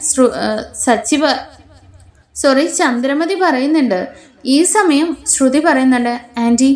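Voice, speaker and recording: A woman's voice: sits high, a little mellow, reverberant. A Malayali woman from Kerala casually retelling a TV serial episode, voicing each character's lines in quotes. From Kerala, India. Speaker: serial story reviewer.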